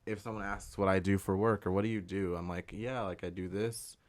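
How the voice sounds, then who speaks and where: A man in his twenties, a podcast guest, chatting casually and rambling with lots of "like" in an excited way. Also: low voice, fairly quick. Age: 20s. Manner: rambling, heavy use of "like", excitable. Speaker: podcast guest, concert photographer. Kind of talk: casual chat.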